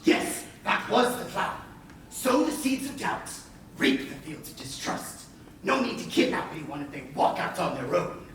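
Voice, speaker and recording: An actor on stage playing a scheming, smug pirate captain, grandiose and wry, with deliberate emphasis. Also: male voice, high-pitched, sing-song, a bit bright, full character voice. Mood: smug menace. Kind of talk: projected stage-play acting. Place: indoor playhouse stage. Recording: echoey theatre, far mic, faint noise.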